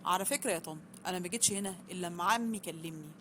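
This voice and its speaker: A woman's voice: lowish voice, racing, pushed and bright, a little hiss or hum. A woman with an Egyptian accent voicing a young husband who is polite but defends himself firmly, in a storybook reading. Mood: defensive.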